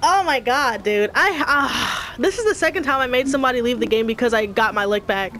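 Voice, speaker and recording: A woman streaming an online game, talking in loud, dramatic outbursts and swearing a lot. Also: on the high side, animated, a little fast, slight background noise. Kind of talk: casual gaming commentary. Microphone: headset or desk mic.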